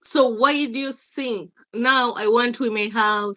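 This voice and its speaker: A woman's voice: fairly high pitch, slow, bright, forceful tone, no room sound. A Ugandan woman speaking as an interview guest, emphatic and insistent, repeating her points. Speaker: guest, activist. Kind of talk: interview, mixing English and Luganda.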